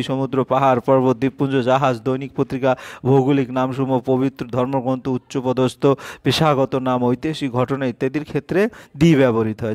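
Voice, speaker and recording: A man's voice: medium pitch, a little mellow, dry recording. A man with a Bengali accent teaching a grammar lesson, reading out rules and examples with frequent fillers.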